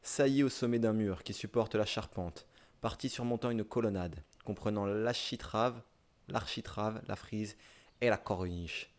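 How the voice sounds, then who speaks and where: A man's voice: lowish voice, unhurried. A man with a southern French accent, a streamer reading dictionary definitions aloud live in short listed phrases, with offhand asides. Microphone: streaming microphone.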